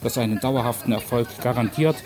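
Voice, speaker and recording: A man reading a story aloud and then giving measured, earnest commentary as a radio presenter. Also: medium pitch.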